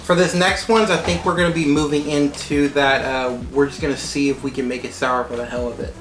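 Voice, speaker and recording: A woman's voice: low voice, steady tone, brisk. A woman hosting a casual group candy tasting, chatting while she eats sour candy. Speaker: host of a candy taste test. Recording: roomy echo, music behind.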